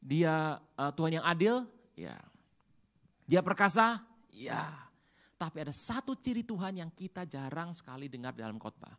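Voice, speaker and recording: Animated pastor, joking sermon style, big loud-to-hushed swings. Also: a little slow. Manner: animated, joking, lots of rhetorical questions; swings from loud outbursts to hushed low asides.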